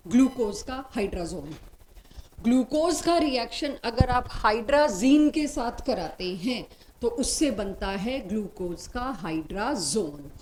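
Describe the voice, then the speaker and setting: A woman's voice: on the high side, a little hiss or hum, poor audio. A woman teaching chemistry in a recorded lecture who asks her class questions and answers them herself, switching into English phrases.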